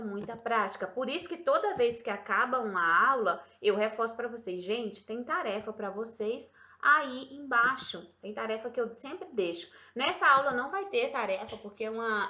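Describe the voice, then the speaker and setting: A woman English teacher giving a chatty, affectionate online grammar lesson, slowing right down when she models English example sentences. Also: fairly high pitch, pushed and bright. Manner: chatty, affectionate, calls viewers "meu bem" and "gente". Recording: echoey room, slightly dull sound.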